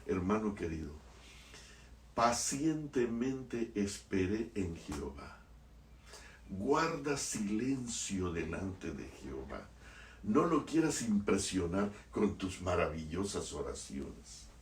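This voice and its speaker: A male pastor preaching a sermon, impassioned, swinging from hushed lines to loud exclamations. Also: sits low, very animated, slow pace, reverberant, far from the mic, slight background noise.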